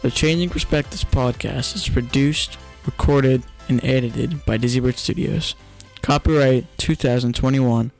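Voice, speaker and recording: Male announcer, measured scripted outro credits, music under. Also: mid-range voice, creaky. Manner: measured, formal.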